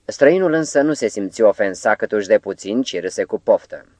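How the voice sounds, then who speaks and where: Low-voiced man narrating an audiobook. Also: animated, darkish tone, no echo.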